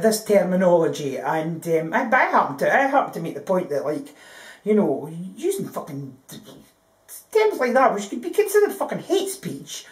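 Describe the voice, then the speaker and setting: Scottish woman, profane vlog rant, swings between high and low pitch, echoey room. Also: a little mellow. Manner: swears heavily, laughs often, frequent "ken" and "aye". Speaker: vlogger. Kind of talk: profane ranting monologue.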